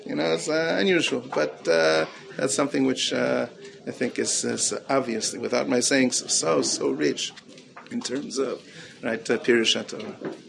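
A man's voice: medium pitch, normal speed, creaky, noisy background. A man teaching as a rabbi, earnest, repeating key phrases for emphasis and mixing Hebrew terms into his English. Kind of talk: Torah talk answering questions.

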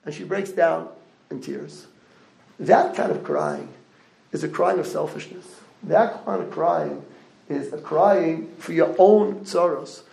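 Animated high-voiced man giving a Torah lecture. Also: takes it slowly, gravelly, roomy sound, low-quality recording. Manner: animated, rhetorical questions to the audience. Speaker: rabbi lecturer.

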